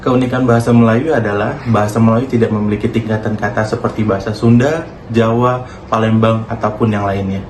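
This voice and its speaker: A young man with a lowish voice reads his class presentation evenly, with little rise and fall. The room around him echoes noticeably, with a faint hiss behind. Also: fairly even intonation, a little fast, a little mellow. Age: young adult. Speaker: university student presenter.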